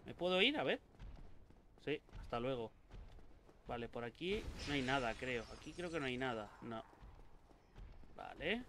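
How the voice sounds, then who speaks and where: A young man with a Spain Spanish accent giving let's play commentary, excitable and swearing a lot as he talks to the game characters. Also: medium pitch, measured pace, pauses often, a little hiss or hum. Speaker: gaming YouTuber.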